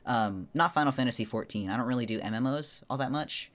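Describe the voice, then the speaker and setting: A man's voice: mid-range voice, fast, fairly bright tone. A man streamer talking casually and informally to viewers on a solo livestream, in a rambling way.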